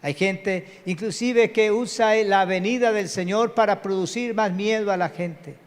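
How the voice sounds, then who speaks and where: High-voiced preacher in a hall. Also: male voice, a little slow. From Colombia. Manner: preachy, calls out to the congregation for amens. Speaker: pastor. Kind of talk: live church sermon. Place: large church hall. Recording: reverberant church hall.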